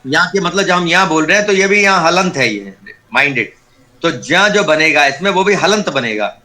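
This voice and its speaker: A man teaching a Sanskrit class online, his voice fairly high and bright. He explains patiently, step by step, and repeats each key term. The sound is that of a video call. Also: animated, moderate pace.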